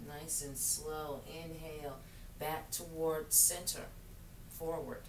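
A middle-aged woman guides yoga and breathing in measured, soothing phrases with long pauses, recorded across a living room. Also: deep voice, fairly even intonation. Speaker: yoga teacher. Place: living room, seated on the floor. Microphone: camera mic across the room. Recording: roomy, noisy, distant microphone.

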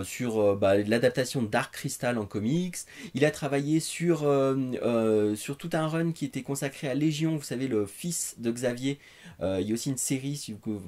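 A man's voice: mid-range voice, a little mellow. A man in his thirties with a French accent, presenting casually to camera in a conversational, somewhat hesitant way. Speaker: host of a comics recommendation show. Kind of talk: casual review talk to camera. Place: living room with bookshelves.

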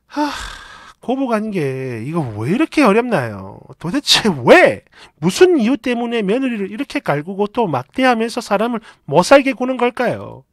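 A woman narrating a dramatized story in an indignant, expressive way. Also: medium pitch, moderate pace, hardly any pauses, no echo, clean studio sound.

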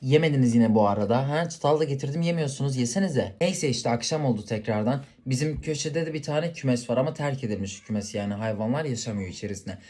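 A man's voice: mid-range voice, fast talker, few pauses, a little mellow. A man vlogging, telling a story casually to the camera and talking straight to his viewers. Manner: chatty, addresses viewers directly.

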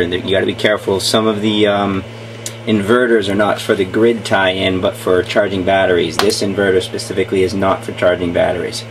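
A man's voice: low-pitched, noisy background. A man explaining his home project while filming, in a plain way with many ums and uhs. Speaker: channel host. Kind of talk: casual home-project video walkthrough. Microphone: camera mic, off-screen filming.

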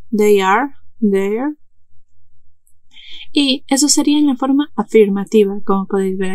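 A woman's voice: medium pitch, no echo. A woman giving a recorded English lesson, speaking patiently, repeating each example and correcting herself as she goes. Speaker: English instructor. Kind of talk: recorded online language lesson.

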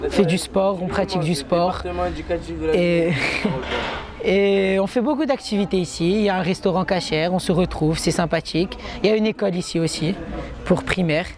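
A seventeen-year-old Moroccan student with a high-pitched voice answers an interview earnestly at a moderate pace, repeating words. He's in a courtyard at night, with people chatting in the background.

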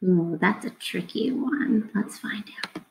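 This thirtysomething woman whispers a picture book to children at a slow pace, her medium-pitched voice carrying vocal fry. Like a teacher, she reads expressively and instructively and asks the kids questions.

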